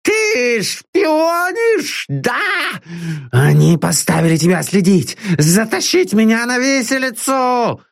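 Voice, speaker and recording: A man's voice: very high-pitched, sing-song, slow pace, gravelly, no echo, studio quality, pitched above the performer's own voice, exaggerated voice. A man doing a paranoid old father. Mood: raving. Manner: ranting then weak and faltering. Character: elderly frightened rich father, paranoid and guilt-ridden. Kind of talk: audiobook reading.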